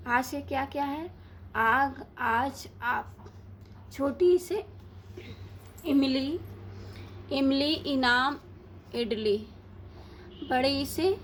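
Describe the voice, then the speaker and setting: A woman teaching a lesson, asking questions and answering them herself in a slow, deliberate way. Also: sits high, a little hiss or hum. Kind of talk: Hindi grammar lesson.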